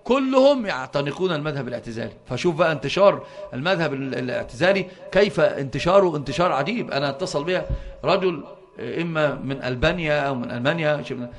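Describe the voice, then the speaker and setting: A man's voice: fairly high pitch, expressive, fast talker. A middle-aged man with an Egyptian accent explaining a religious book to his students. He speaks fervently and often stalls on repeated syllables before finding his word. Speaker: religious teacher.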